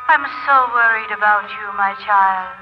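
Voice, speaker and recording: Casting: tender, coaxing ghost mother for radio drama played by a man, unearthly high voice over loud music. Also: moderate pace, close to an everyday voice. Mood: tender, worried. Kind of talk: old-time radio drama acting. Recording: old dull radio recording, loud music.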